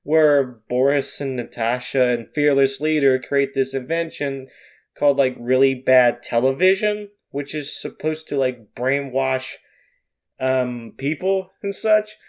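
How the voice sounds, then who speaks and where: A man's voice: medium pitch, unhurried. Young man roasting his own script. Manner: self-mocking, swears, rambling asides. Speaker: YouTuber.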